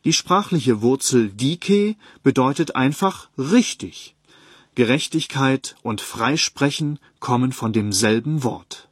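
Ein Mann, der ruhig und gemessen eine Predigt vorliest und dabei Bibelstellen angibt. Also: male voice, mid-range voice, breathy edge, dry recording, studio quality. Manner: calm, measured, citing verses. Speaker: Bible teacher. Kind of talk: read sermon on a Bible text.

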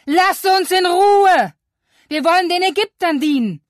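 A man putting on a shrill, high falsetto to voice a frightened, whining crowd of Israelites, complaining in an exaggerated way. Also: animated, unhurried, no room sound, studio quality. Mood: whiny, panicked.

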